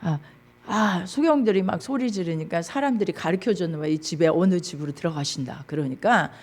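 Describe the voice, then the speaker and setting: A woman's voice: lowish voice, brisk, a little mellow. A middle-aged woman pastor preaching a sermon, reading scripture aloud and calling out to the congregation.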